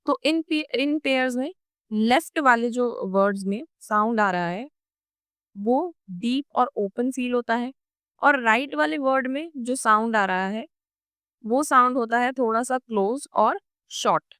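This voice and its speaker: A young Indian woman with an Indian accent explains step by step as an online tutor, patient and methodical. Her voice is smooth and a little high, recorded dry and close with no room sound. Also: unhurried, a bit bright, no echo. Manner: patient, explains step by step and drops her pitch on example words. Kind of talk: explanatory lecture.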